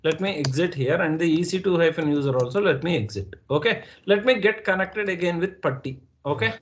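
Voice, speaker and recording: A man's voice: a little high, brisk, muffled recording, slight background noise. A man with an Indian English accent teaching a live online class, patiently repeating points and checking that students understand. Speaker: instructor.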